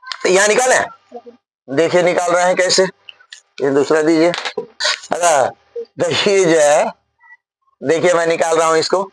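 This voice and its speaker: Speaking a little slowly with long pauses, a male physics teacher with a higher voice takes his class through a board problem step by step. He often checks whether students follow, and the recording is rough.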